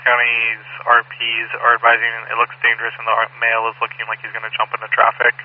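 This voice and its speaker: Flat, fast dispatcher over police radio. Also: male voice, medium pitch. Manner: flat, rapid dispatch delivery. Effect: police radio transmission. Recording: tinny distant radio with static.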